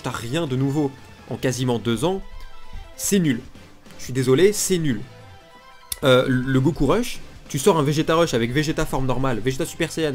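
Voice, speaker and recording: A man with a blocked, nasal, congested voice, giving blunt, casual, unscripted gaming commentary. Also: medium pitch. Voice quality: nasal, blocked-nose sound. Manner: blunt, informal griping. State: congested from pollen allergy. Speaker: gaming video creator. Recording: music behind the voice. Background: music.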